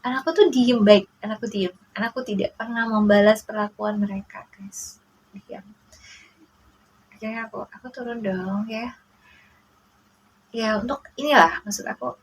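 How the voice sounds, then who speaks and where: A woman in her forties, a mother speaking in a casual to-camera monologue, emotional and halting, often addressing her listeners directly, indignant and protective. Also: fairly high pitch, fairly even intonation, slight background noise, poor audio. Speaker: mother sharing a personal story.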